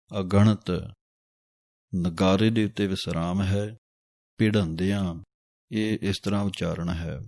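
Man, low-pitched and unhurried, chanting verses in a teaching recitation, dry close sound. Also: a little mellow, no echo. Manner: alternates slow chanted verse with quick spoken pronunciation notes.

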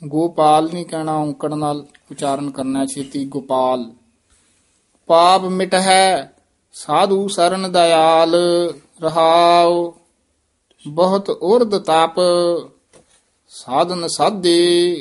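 A man teaching scripture recitation, correcting pronunciation and patiently modelling each word. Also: a little high.

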